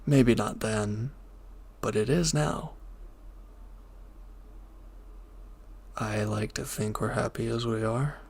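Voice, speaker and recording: Gentle and breathy, a man plays a once-villainous character turned devoted lover in an intimate audio drama, speaking softly with some hesitation. His fairly low voice moves unhurriedly, sounding content and affectionate.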